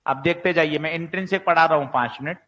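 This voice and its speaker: A man's voice: fairly high pitch, quick pace, sharp tone. A man teaching exam-prep physics, asking questions and answering them himself, sometimes playing a doubting student. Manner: plays the student voicing doubts.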